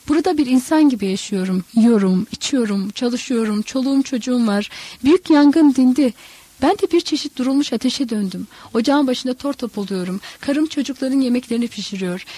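A woman reading a furious, shouting carpenter man. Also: on the high side, breathy edge, no room sound. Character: furious grown man, a carpenter denying he is divine.

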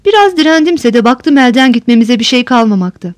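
A woman's voice: on the high side, animated, a little fast, dry recording, natural voice. A battered old steward spills his tale in a whining, pleading ramble. His voice jumps up and down and sits close and dry, with no room around it, as a woman narrator acts him out. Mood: lamenting. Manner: whining, long-winded pleading. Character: frightened, beaten old male steward.

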